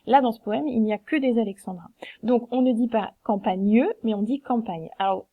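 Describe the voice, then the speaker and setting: A woman teacher patiently explaining a lesson, counting syllables slowly aloud. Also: on the high side, phone-quality sound.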